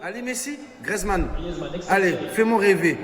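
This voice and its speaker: A man's voice: high voice, animated, moderate pace. A man reacting emotionally to a live football match, ranting and repeating himself with profanity, swinging between muttering and screaming. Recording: echoey reverberant room, crowd noise.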